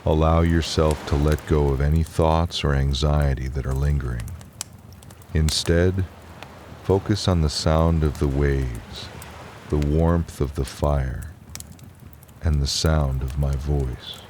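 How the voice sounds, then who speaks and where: A man with a very deep voice gives a calm, unhurried, soothing narration for guided relaxation and bedtime storytelling. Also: a little hiss or hum.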